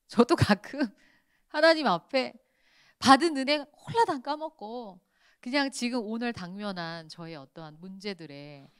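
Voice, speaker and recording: Smooth-voiced woman teaching a prayer class. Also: mid-range voice, no room sound, clean studio sound. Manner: lively storytelling, acting out quoted voices.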